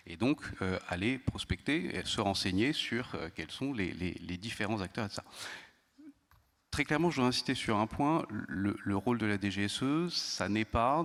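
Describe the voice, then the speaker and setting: A man speaking on a conference round-table panel, measured and hesitant, with frequent pauses and restarts. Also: lowish voice, fairly bright tone. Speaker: intelligence service panelist. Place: conference hall. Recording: long hall reverb.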